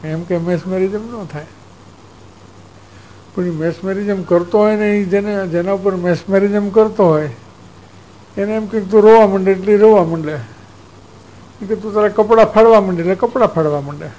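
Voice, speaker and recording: A man's voice: high-pitched, normal speed, long pauses, warm tone, poor audio. A man, a spiritual teacher giving a discourse who tells stories and acts out exchanges. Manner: storytelling, acts out exchanges, chuckles.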